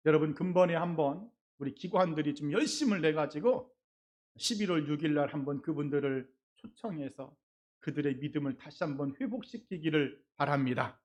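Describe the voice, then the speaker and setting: A middle-aged man, a pastor, preaching a sermon in a church, acting out quoted voices and swinging between loud and soft. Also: fairly high pitch. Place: church sanctuary.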